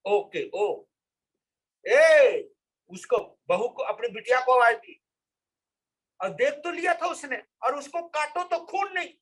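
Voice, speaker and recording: A man's voice: extremely high pitch, moderate pace, fairly bright tone, low-quality recording. A man, a monk, telling a story in a sermon and repeating phrases for emphasis. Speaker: Jain monk.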